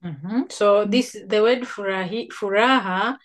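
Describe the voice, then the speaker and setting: A woman's voice: medium pitch, measured pace. A middle-aged woman from Tanzania teaching Swahili one-on-one, patient and coaxing, affirming her student with frequent murmurs. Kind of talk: one-on-one language lesson.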